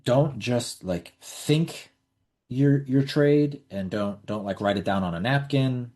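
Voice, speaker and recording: A man's voice: mid-range voice, slow, warm tone. A middle-aged man hosting a casual online trading webinar, talking bluntly with repeats and the odd swear word. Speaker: webinar host.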